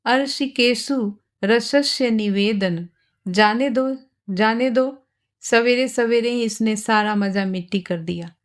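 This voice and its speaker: A woman reading aloud, voicing a loud, jeering drunken man with slurred, drawn-out words. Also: fairly high pitch. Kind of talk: storybook reading.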